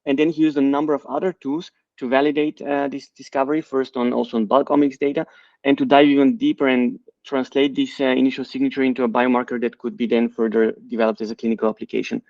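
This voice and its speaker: Middle-aged man from Bulgaria, CEO, explanatory and measured, dry slightly dull recording. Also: mid-range voice, flat delivery, a little mellow, dry recording. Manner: measured, explanatory, with frequent fillers. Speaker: company CEO and co-founder. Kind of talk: interview answers.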